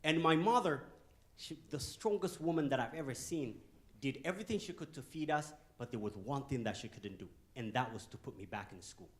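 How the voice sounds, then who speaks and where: With a mid-range voice and a brisk delivery, this Ethiopian guest speaker jokes his way through a lively motivational talk for a youth audience. The setting is a conference hall, and he fires questions at the crowd.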